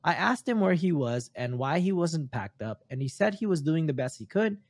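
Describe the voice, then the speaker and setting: This podcast host, whose first language isn't English, reads stories and trips over a word here and there. He pitches a bit high and sounds very animated, moving at a normal pace. The recording is dry, with no room sound.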